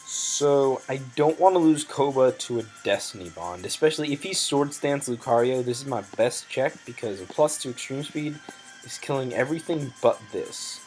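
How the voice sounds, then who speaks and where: A man's voice: medium pitch, animated, moderate pace, darkish tone, faint music behind, rough recording. A man giving hesitant, thinking-aloud commentary over his competitive game, with frequent ums and self-corrections, and his voice sometimes cracks.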